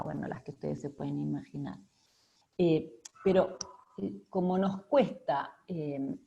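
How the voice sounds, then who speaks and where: A woman's voice: deep voice, darkish tone. A woman with an Argentine accent giving a conversational online talk, with many fillers and tag questions, over a video call. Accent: Argentine Spanish. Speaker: speaker on emotional intelligence.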